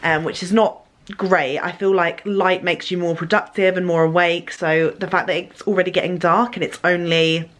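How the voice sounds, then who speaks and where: Student vlogger, female, early 20s, English, lowish voice, slight lisp from retainers, casual, some background noise. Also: steady tone, normal speed, fairly bright tone. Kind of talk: casual chatty vlog.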